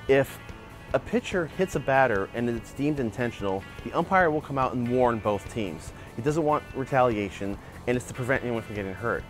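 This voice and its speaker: Standing in a backyard by a wooden fence, a man in his forties who runs a martial arts channel argues his case in a lively, opinionated video commentary, gesturing a lot. A clip-on lapel mic records his middle-pitched voice, with faint music underneath.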